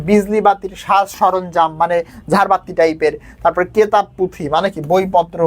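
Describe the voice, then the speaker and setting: A man teaches an exam lesson at a brisk, rushing pace. His talk is casual and chatty, and he keeps checking in with his students as he explains. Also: high-pitched. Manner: casual, talks quickly, checks in with students often.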